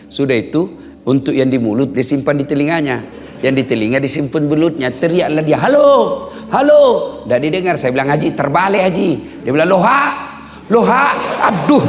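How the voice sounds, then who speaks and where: Animated preacher in a big reverberant hall. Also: male voice, medium pitch, a little hiss or hum. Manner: lively storytelling with audience questions and playful voices. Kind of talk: humorous sermon to a live audience. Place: large hall with live audience.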